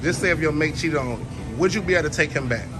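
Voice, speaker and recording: A man's voice: a little high, fast, over music. A man doing casual public interviews in a big store, teasing his guests with playful questions. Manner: playful, teasing, loud catchphrases. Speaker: street interviewer. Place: inside a large retail store.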